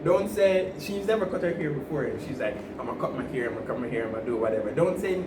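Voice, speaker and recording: A podcast co-host offers rambling, laughing advice in casual chat, restarting often. His mid-range voice is animated and fast, caught by a distant mic in a roomy, noisy space.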